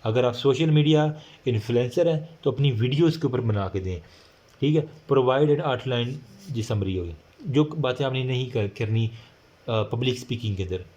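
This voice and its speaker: A man's mid-range, slightly mellow voice carries a casual recorded lecture. He takes the English points slowly, then talks them through in loose, filler-laden Hindi.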